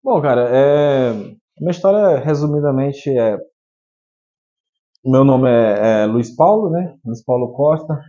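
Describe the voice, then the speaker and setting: A man's voice: mid-range voice, expressive, measured pace, mellow, muffled recording. A man in his thirties from Piauí in Brazil, telling his life story as an interview guest, hesitant and full of restarts. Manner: hesitant, many restarts and fillers. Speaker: guest, entrepreneur.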